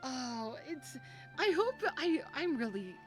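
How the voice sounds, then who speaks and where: A woman streaming as a VTuber, rambling and gushing with many restarts while she chats with her viewers. She sounds emotional, and her voice sits fairly high. Faint game music plays behind her. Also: sing-song, slow. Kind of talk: casual live-stream chat.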